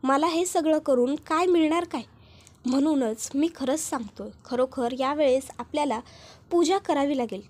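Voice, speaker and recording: Woman reading as a smooth-talking priest. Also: sits high, normal speed, a little mellow, natural voice.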